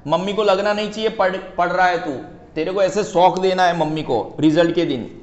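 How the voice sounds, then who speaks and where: High-voiced and brisk, this male economics tutor delivers a lighthearted lecture, teasing a pretend student and peppering his talk with English terms. The recording has the echo of a dull, lo-fi room.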